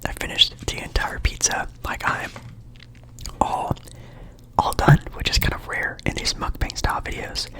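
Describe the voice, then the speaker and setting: A young man from Portland whispering a relaxed, rambling ASMR chat in his apartment. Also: normal speed. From Portland, Oregon, USA. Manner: soft rambling whisper, friendly and chatty. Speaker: ASMR creator.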